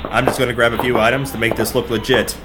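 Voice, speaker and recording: A performer voicing a cocky, hardboiled space detective with gruff 1940s tough-guy wisecracks. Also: medium pitch, little pitch movement, fast talker, background noise, natural voice. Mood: wisecracking. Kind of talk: parody radio-play acting. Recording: music bed under voice.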